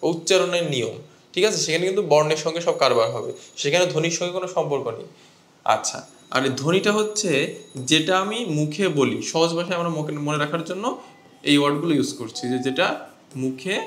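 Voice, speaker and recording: A man's voice: a little high, reverberant. A man teaching a grammar lesson to students, explaining step by step and asking them questions. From Bangladesh.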